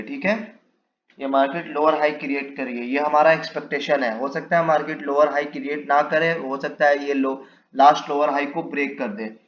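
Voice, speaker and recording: Male trading teacher, casual walk-through, quizzes himself as he draws; lo-fi mic in an echoey room. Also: mid-range voice. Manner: explains while drawing, asks and answers his own questions. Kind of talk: casual step-by-step chart lesson. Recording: echoey room, dull lo-fi mic, faint hiss.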